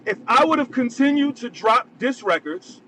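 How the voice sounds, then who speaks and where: A man's voice: very high-pitched, animated, moderate pace, sharp tone. A man calling in from his car, talking over a phone line, who argues insistently and repeats himself to keep the floor. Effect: phone call from a moving car. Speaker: call-in guest. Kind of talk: heated podcast debate. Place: driving in a car. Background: vehicle noise.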